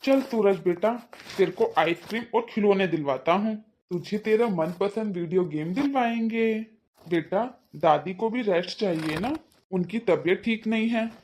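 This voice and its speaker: A weak-willed cartoon father, voiced by a woman, easily swayed by his wife. He coaxes and scolds in a mid-pitched voice. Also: unhurried, a little mellow, lightly acted. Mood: coaxing. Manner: coaxing, then scolding.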